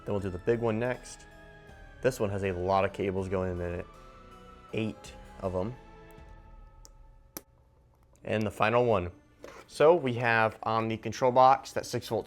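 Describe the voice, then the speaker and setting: A man giving a casual hands-on unboxing and review narration as a video host. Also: mid-range voice.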